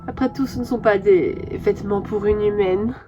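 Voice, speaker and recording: A woman voicing a dry, teasing gothic teenage girl who speaks in a flat, ironic way, in an amateur fan voice drama. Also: medium pitch, normal speed, lo-fi sound, music in the background, natural voice. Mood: deadpan.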